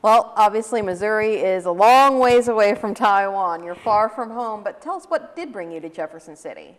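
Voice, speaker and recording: A woman's voice: medium pitch, lively intonation, normal speed, big-room sound. A woman hosting a studio interview show, friendly, with frequent fillers.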